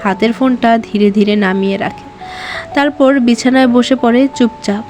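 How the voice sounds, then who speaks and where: A woman's voice: on the high side, fairly even intonation, darkish tone, faint music behind. Woman reading a romance story aloud. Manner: slow, emotional reading. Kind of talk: scripted narration of a romantic novel.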